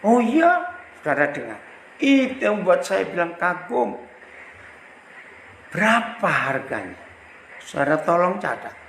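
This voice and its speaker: A high-voiced man from Indonesia preaches a sermon, his pitch leaping around as he tells a story with sudden exclamations. His voice has a gravelly edge. The recording is echoey, with faint noise behind him. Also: measured pace, pauses often. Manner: animated, exclamatory, addresses congregation directly. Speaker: pastor.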